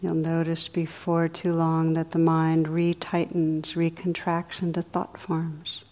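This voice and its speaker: A woman leading a guided meditation in a soothing, unhurried way, with soft, drawn-out phrasing. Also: sits low, monotone. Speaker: meditation teacher.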